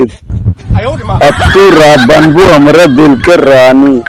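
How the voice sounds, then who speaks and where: A man's voice: fairly high pitch, noisy background. A man playing a swaggering, maudlin village drunk in a comedy sketch, rambling drunkenly with an Awadhi accent from eastern Uttar Pradesh. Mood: maudlin, affectionate. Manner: drunken, rambling, drawn-out town drunk talk.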